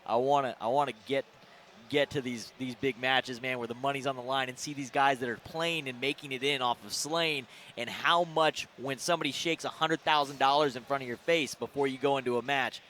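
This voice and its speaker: A young man co-commentating a live esports event in a relaxed, joking way. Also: medium pitch, brisk, a little hiss or hum. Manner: laid-back, joking, trails off and restarts. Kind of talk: casual live commentary banter.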